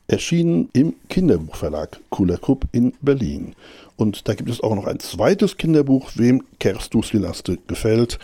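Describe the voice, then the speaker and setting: A man's voice: lowish voice, slightly rough, no room sound. A man reading a children's storybook aloud, then reviewing it. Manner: lively, expressive delivery. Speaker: book reviewer.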